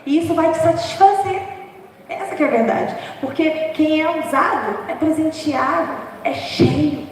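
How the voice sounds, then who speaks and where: This dance-ministry preacher, hoarse and high-voiced, speaks a little slowly in a chatty, humorous sermon, often laughing at herself. The audio was captured far away in a large, echoey church hall and carries a faint hiss or hum.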